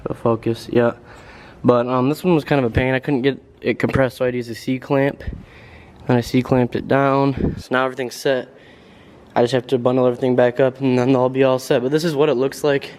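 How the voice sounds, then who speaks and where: A man's voice: mid-range voice, a little mellow, a little hiss or hum, low-quality recording. A young man casually talking through his car work in a rambling, laid-back way with lots of fillers. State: out of breath. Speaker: car vlogger. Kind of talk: casual garage vlog. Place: garage by a car, then outdoors in wind.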